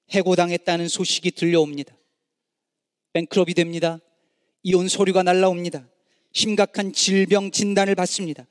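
A middle-aged man preaches with a high, ringing voice that swells into anguished pleas and then sinks to a near hush. He is miked close and dry, yet a long reverb trails behind him in a large room. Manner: dramatic rises and hushed drops, voicing anguished cries to God. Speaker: pastor. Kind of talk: sermon.

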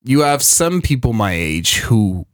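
A young man chatting on a podcast. He tells stories with animated energy, dropping slang and swearing freely. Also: medium pitch, measured pace, clear, resonant tone. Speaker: podcast co-host. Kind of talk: casual chat.

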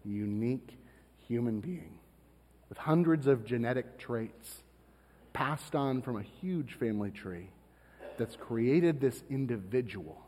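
A man from Florida preaches with a husky voice in a relaxed, story-driven way. His pitch swings up and down a lot, and the sound carries a long reverb off the church sanctuary. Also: slow pace. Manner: conversational, storytelling, self-deprecating asides. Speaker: pastor. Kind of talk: sermon.

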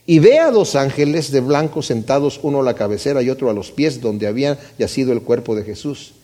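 A man's voice: mid-range voice, animated, fairly quick, dark tone. A man teaching a Bible study in a conversational way, reading passages aloud and commenting on them.

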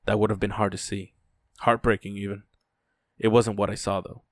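A man's voice: fairly low pitch, level tone, moderate pace, no room sound. A man narrating a first-person story in a dry, weary telling.

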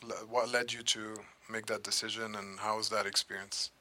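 Interviewer, bright forceful voice, quick prompts. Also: medium pitch, little pitch movement. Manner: prompting, brief affirmations. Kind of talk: conversational interview.

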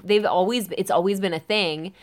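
A woman, co-hosting a casual chat and telling animated stories with lots of laughter. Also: mid-range voice, moderate pace. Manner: animated storyteller, laughs often, acts out voices. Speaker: podcast co-host.

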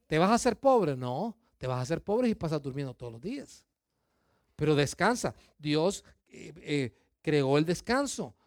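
A middle-aged man preaching a sermon, lively, firing questions at the congregation and acting out their excuses. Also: fairly high pitch, moderate pace, no echo, studio quality. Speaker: pastor.

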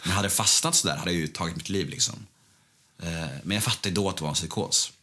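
A man's voice: low voice, bright, forceful tone. A man guest telling a candid story in casual conversation, bluntly and with plenty of swearing.

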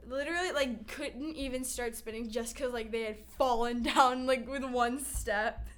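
A woman's voice: fairly high pitch, steady tone, fairly bright tone. Chatty young woman co-hosting. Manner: chatty, chiming in with quick asides. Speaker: camp podcast co-host. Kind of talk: casual chat.

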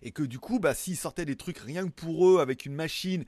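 A man's voice: fairly high pitch, brisk, a little mellow, no echo. A man hosting a casual tech news show, rambling and self-mocking with many fillers. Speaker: tech news YouTuber host. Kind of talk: casual chat to camera. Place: home in Thailand.

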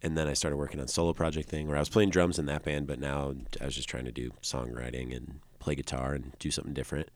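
A man's voice: extremely low pitch, level tone, quick pace, few pauses, no echo. A man talking casually as an interview guest, in a laid-back, rambling way full of "like" fillers, recorded close to the mic. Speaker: musician guest. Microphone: close microphone.

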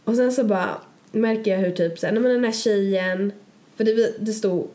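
Brief: young woman, mellow tone, chatty rambling storyteller. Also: mid-range voice. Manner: rambling, lots of fillers and quoted asides. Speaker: podcast co-host. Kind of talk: casual storytelling chat.

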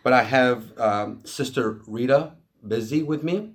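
A man hosting a faith podcast in a studio, chatting conversationally and reading quotes slowly. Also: mid-range voice, slight background noise. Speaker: podcast host. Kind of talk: casual podcast chat.

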